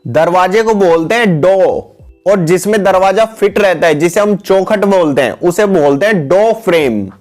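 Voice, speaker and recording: A man with a high-pitched voice reads out a picture vocabulary lesson in an even, patient rhythm. He names one item after another and now and then calls his viewers guys. Faint background music sits beneath the close-miked voice-over. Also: measured pace. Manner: steady repetitive naming, addresses viewers as guys. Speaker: English teacher.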